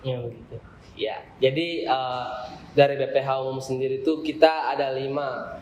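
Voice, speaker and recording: A young man who chairs a student association explains his group at length during a casual podcast chat, using lots of fillers. His mid-range voice is steady and darkish, at a moderate pace. The room is roomy with faint ambience and slight background noise.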